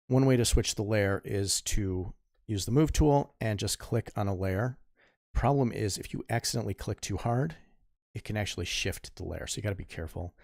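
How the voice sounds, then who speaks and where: Low gravelly man in his fifties. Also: darkish tone, no echo, clean studio sound. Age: 50s. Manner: rambling, self-correcting, mutters to himself. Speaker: comic artist streaming his drawing. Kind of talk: casual tutorial chat while drawing.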